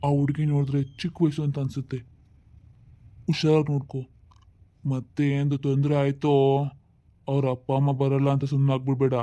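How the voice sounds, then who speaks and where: A man's voice: medium pitch, monotone, fairly quick, long pauses, mellow, lightly acted. A man playing a police officer giving fatherly advice to a young couple in a skit. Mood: stern. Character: stern but kind police officer. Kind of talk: comedy skit acting.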